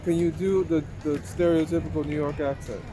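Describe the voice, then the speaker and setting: A man's voice: on the high side, steady tone, fairly quick. A man asking plain, informal questions as the interviewer in a casual street interview. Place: outdoors in a city park. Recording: outdoor city noise, passing traffic.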